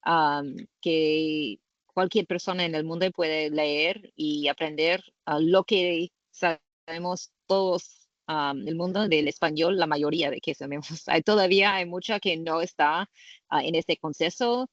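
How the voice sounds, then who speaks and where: A woman presents informally in halting, unhurried and searching for each word. She is an English speaker. The sound is dry and a little dull, like an online call. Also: low-pitched, fairly even intonation, no echo. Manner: halting non-native Spanish, searching for words. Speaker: co-presenter at a patient-family webinar. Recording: roomless, band-limited online call audio.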